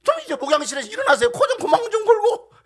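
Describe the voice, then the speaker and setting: A pastor putting on a loud panicked man. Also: very high voice, big pitch swings, fast talker, voice pushed up. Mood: frantic complaint. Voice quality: loud, pleading. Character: panicked grown man scolding a sleeper.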